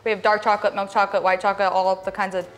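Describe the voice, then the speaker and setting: A woman's voice: medium pitch, level tone, racing, soft background music. A young woman speaking as a guest on a TV show, a little shy and giggly, on a lapel mic in a studio. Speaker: guest, small business owner. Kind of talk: TV interview answers. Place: TV studio set.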